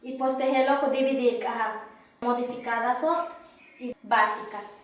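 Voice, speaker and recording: A young woman from Yucatán, Mexico, reads out letter lists slowly and carefully in a high voice. She sounds distant, caught in a very echoey room. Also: steady tone. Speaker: language teacher. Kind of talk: teaching lesson. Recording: echoey room, far from mic.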